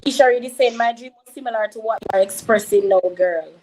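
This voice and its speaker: A woman with a Jamaican accent hosting a livestream, reading out viewer comments and giving shout-outs. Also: a little high, fast talker, slight background noise, poor audio. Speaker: livestream host reading chat. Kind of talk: casual livestream chat.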